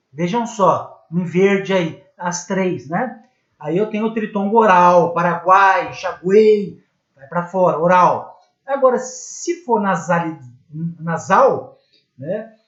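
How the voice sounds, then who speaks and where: Slow-talking Brazilian male teacher, echoey room. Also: high-pitched. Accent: Brazilian Portuguese. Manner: patient, repeats and spells out examples, checks in with "tá?". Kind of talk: recorded grammar lesson. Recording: echoey room, dull lo-fi sound.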